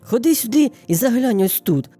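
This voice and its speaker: A woman voicing a small, clever male hare in a children's fairy tale, flattering and bowing in a sing-song way. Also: on the high side, moderate pace, faint music behind. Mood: sly. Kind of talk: storybook character voice.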